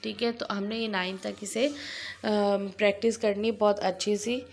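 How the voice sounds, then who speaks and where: A pre-nursery teacher, slowly drilling phonics letter by letter in a recorded homework lesson for parents and children. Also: female voice, medium pitch, level tone, a little hiss or hum. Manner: slow, drawn-out phonics drilling, sounding out each letter.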